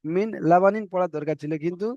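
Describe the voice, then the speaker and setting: A man with a fairly high voice teaches a reading lesson, spelling out each letter and syllable in a slow, drawn-out way and stopping again and again to check that his students follow. The sound is dry and a little dull. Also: darkish tone, no echo.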